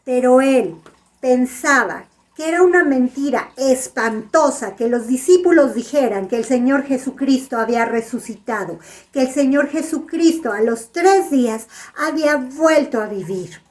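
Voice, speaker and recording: A woman telling a Bible story to children, gently asking them questions as she goes. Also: high voice, expressive, measured pace. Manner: gentle, asks the kids "¿sabes?".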